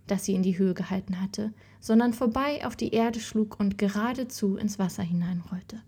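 A woman reading a German fairy tale aloud in a soft, whispered storytelling voice. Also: medium pitch, slightly rough.

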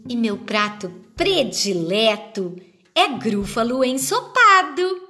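A woman voicing a small, clever, boastful mouse in a storybook reading, with a high, cheeky delivery. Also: big pitch swings, slow pace, pushed and bright, soft background music, full character voice. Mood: cheeky, proud.

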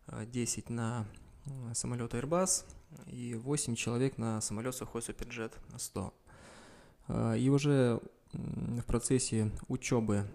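Measured young man being interviewed as pilot. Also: mid-range voice, a little mellow. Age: 20s. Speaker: airline pilot, interview guest. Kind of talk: interview answers about career.

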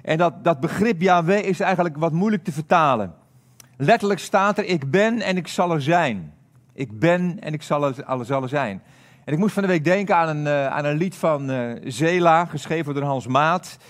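Male pastor, earnest sermon, slightly high voice, halting delivery. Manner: earnest, hesitant with many fillers.

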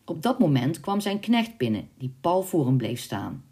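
Low-voiced woman reading a storybook. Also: big pitch swings, moderate pace, mellow. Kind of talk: storybook narration.

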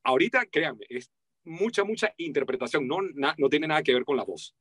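Venezuelan male voice-over pro, animated interview guest, slightly high pitch, dry sound. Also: brisk, breathy edge, dry recording. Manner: animated, acts out quoted voices with big pitch jumps. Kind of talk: casual interview talk.

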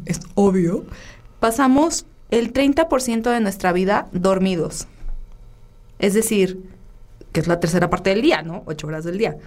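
A woman, co-hosting a casual chat, musing aloud with fillers. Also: on the high side. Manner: conversational, reflective, with fillers.

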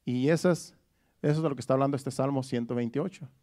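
Talking fast in a mellow, mid-range voice, a middle-aged man delivers a heartfelt, testimonial-style sermon. He frequently breaks off and starts his phrases over.

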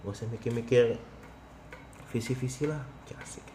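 A man's voice: medium pitch, fairly even intonation, moderate pace, warm tone, a little hiss or hum. A young man, hosting a podcast in casual, rambling, slangy chat full of fillers. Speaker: podcast host.

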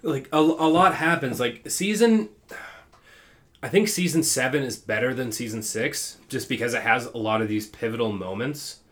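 A man's voice: medium pitch, normal speed, fairly bright tone. Enthusiastic man chatting with fillers. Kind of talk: casual chat.

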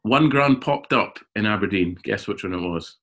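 A man with a lowish voice chats on a podcast as a cricketer guest. He tells his stories with animation and stumbles into repeated words as he builds them up. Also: expressive, normal speed, fairly bright tone. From Scotland. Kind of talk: casual podcast chat.

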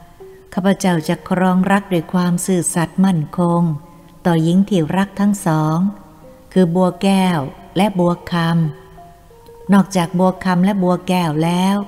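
An earnest young village lover making a solemn vow, read by a woman narrator. The voice is low and mellow. A long reverb trails each phrase, and faint music plays underneath. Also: level tone, unhurried, lightly acted.

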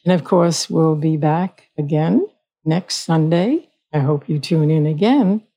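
With a deep, mellow voice and measured pace, an older woman talks alone on the podcast she hosts. Her style is folksy and conversational, and she tends to repeat her points.

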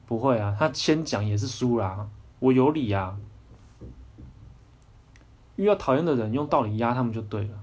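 A young man with a Taiwanese Mandarin accent talks on a casual livestream podcast. His voice is husky and mid-pitched. He rants in a blunt, heated way and swears often. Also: animated, normal speed, long pauses, a little mellow. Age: young adult. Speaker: podcast host.

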